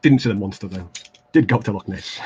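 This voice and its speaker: Working at his indoor home craft desk, this livestream host builds tabletop terrain and chats in an English Midlands accent. His voice is lowish and animated at a normal speed, with some background noise. The talk is rambling and self-deprecating, full of fillers and false starts.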